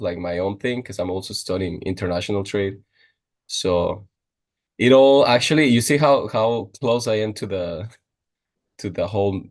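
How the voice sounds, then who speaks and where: Young man, podcast guest, low voice, lots of restarts. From Costa Rica. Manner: restarting, filler-heavy, lively. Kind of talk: casual chat.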